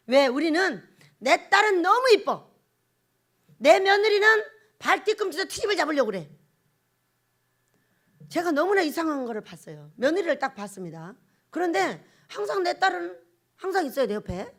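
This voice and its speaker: High, lively middle-aged woman preacher. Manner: lively storytelling, acts out family quarrels, laughs often. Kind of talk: sermon with personal stories.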